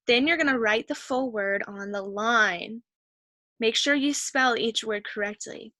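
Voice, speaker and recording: Her tone is sharp and a little high, and she keeps a measured pace with no echo. As a teacher, she patiently takes students through a reading worksheet in a comprehension lesson, encouraging them while thinking aloud as she looks through the text.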